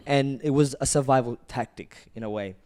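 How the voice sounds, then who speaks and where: A young man from Ethiopia speaks at a middle pitch in a smooth, resonant voice. He tells his story in an earnest, reflective way, the way a brand founder talks on a relaxed podcast. His tone is sincere and steady throughout. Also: fairly quick. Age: 20s. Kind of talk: casual podcast chat.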